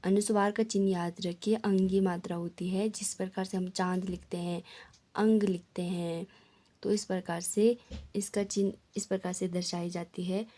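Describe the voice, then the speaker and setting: A woman teacher explaining a grammar lesson slowly and patiently, spelling out sounds one by one. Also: mid-range voice, fairly even intonation, mellow.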